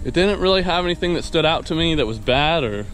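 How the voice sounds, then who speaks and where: Fast, lively, and on the high side, with a fairly bright tone, this young vlogger and new private pilot rambles excitedly through a casual review, full of fillers and restarts. He films on a wooded dirt path with an action camera held at arm's length, and the rough recording carries soft background music.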